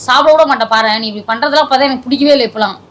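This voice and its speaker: A woman's voice: sits high, racing, a bit bright, rough recording. A woman who keeps pleading and scolding in a comedy sketch at home. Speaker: comedy video creator.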